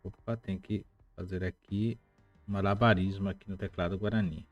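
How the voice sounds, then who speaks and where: A man teaching a live online language lesson, explaining patiently and repeating words slowly, with chatty asides to viewers. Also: low voice, fairly even intonation, lo-fi sound, faint music behind.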